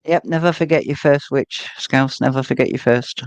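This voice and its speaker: A man's voice: medium pitch, fairly even intonation, normal speed, dry recording. A British man in casual chat, making dry joking asides. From Britain.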